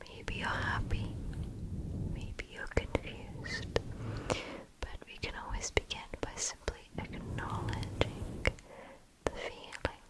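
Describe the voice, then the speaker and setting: A woman whispering ASMR positive affirmations in a gentle, soothing manner, repeating phrases. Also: slow, low-quality recording. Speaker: ASMR creator.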